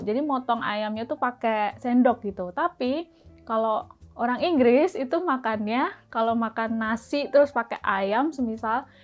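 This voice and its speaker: Young woman from indonesia chatting to the camera, lots of nah and gitu, light music in the back. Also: a little high. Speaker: vlogger living abroad. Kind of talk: casual direct-to-camera vlog.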